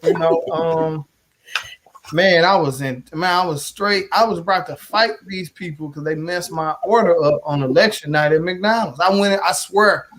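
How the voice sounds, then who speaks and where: St guy, organizer, cussing and animated, kinda higher voice. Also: moderate pace. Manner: animated, swearing storyteller. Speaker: community organizer. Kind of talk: casual chat.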